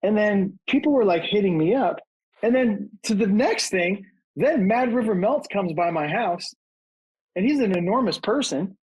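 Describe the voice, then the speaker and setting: A man's voice: high voice, expressive, normal speed, a little mellow, breathy edge, muffled recording. A man hosting a podcast, teasing his guests and swearing in casual chat. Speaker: podcast host.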